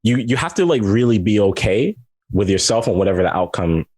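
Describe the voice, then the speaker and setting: Laid-back man with a low voice. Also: sing-song, brisk, darkish tone, dry recording. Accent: British. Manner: laid-back, swears freely, teasing. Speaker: podcast co-host. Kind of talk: casual chat. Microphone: video call.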